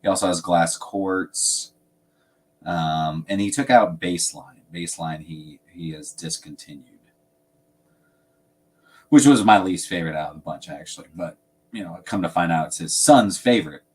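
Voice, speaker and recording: A man chats loosely with his viewers during a live stream, drifting between thoughts and laughing often. His voice sits a little low. He sounds like he is at a desk mic at home. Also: normal speed, a little mellow, breathy edge. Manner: laid-back, rambling, laughs often. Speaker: fragrance channel host. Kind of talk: casual livestream chat.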